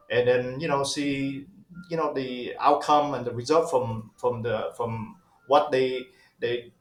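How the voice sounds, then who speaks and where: Hesitant man, roomy sound. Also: medium pitch. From Vietnam. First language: Vietnamese. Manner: hesitant, many fillers and restarts. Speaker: guest dentist. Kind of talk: casual interview talk.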